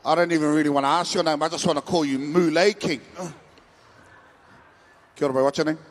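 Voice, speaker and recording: A man's voice: fairly high pitch, fairly even intonation, fairly quick, in a large hall. A man with a Māori New Zealand accent hosting a live stage event, playful and informal as he calls out to the audience. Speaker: festival stage host.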